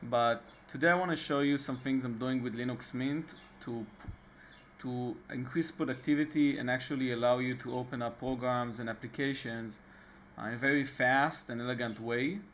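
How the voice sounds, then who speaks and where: With a little hiss or hum in the recording, a tutorial host from Israel walks through a computer screen recording in an Israeli accent. He speaks casually but haltingly, frequently using fillers and starting sentences over, in a steady, mid-range, slightly bright voice.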